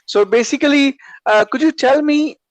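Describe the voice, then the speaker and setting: During a relaxed online English lesson on a video call, an Indian-accented learner asks questions and echoes words back. His voice is very high-pitched, his speed normal, and there's no echo.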